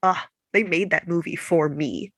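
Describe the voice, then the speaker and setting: A woman chatting casually as a book podcast co-host, playful and quick to laugh, her voice congested because she can't breathe through her nose. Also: lowish voice, no echo, studio quality. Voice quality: congested, stuffy blocked-nose voice. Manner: playful, animated, laughs easily. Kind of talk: casual chat.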